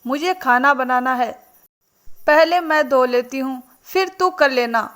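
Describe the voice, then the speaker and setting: Harried older sister-in-law read by a woman, snappy and defensive, slow, high voice. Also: a bit bright. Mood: irritated. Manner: irritable, defensive. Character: elder daughter-in-law, harried and irritable.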